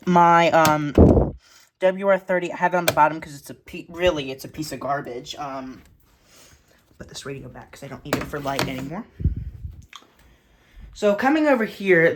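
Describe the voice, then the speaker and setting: A woman with a fairly low voice gives a casual, blunt, informal show-and-tell tour of her radio collection as a vlogger. The recording is very noisy.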